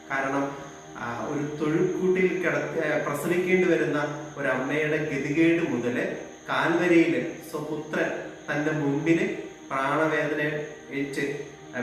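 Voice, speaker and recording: A man giving a slow, gentle devotional sermon as a preacher, with sung hymn passages. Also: a little high. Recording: echoey, distant, with music behind.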